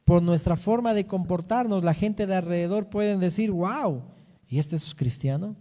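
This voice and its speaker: A man's voice: high-pitched, moderate pace, mellow. A man preaching a sermon as pastor, explaining scripture and asking rhetorical questions. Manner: teaching, reading and explaining scripture; asks rhetorical questions, often ending with "¿no?". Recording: reverberant hall sound.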